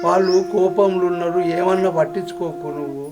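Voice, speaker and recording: A man's voice: high-pitched, steady tone, a little fast, heavy background noise. An actor with a Telangana accent playing a village father who soothes his new wife and scolds his son. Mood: soothing. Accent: Telangana Telugu. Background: loud background music.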